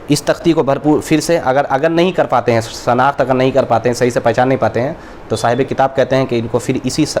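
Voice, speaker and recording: A man teaching a recorded lesson on reading Quranic letters, who stretches out each letter name slowly and then explains at a quick, conversational pace. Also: mid-range voice, a little mellow, slight background noise. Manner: slow drawn-out letter names between quick explanations.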